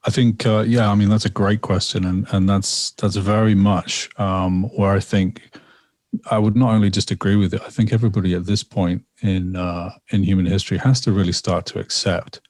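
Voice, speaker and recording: An English man, a guest storyteller on a podcast, tells a personal story in casual conversation, rambling and reflective with many repetitions and fillers. His deep voice is a little mellow, with little pitch movement at normal speed. There's no room sound.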